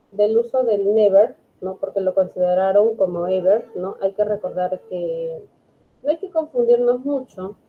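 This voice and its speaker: A woman English teacher, explaining grammar patiently in an online class and checking understanding often. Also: mid-range voice. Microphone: video call. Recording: phone-like online call audio.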